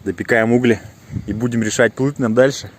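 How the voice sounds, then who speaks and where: A man's voice: mid-range voice, steady tone, fairly quick. A man giving casual, slangy vlog commentary from a fishing trip, outdoors on the water, with wind on the mic. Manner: informal, slangy. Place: outdoors on the water in a small boat.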